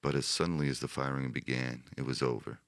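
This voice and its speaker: A man narrating a wartime history audiobook in a steady, measured manner. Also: very deep voice, creaky, no echo, studio quality.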